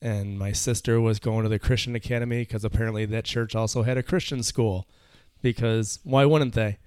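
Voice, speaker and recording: A man's voice: fairly low pitch, steady tone, a little fast, darkish tone, clean tone, no echo, clean studio sound. A man as a podcast guest, telling his own story in an earnest, slightly nervous way. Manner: earnest, a little nervous, with fillers. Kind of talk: casual storytelling.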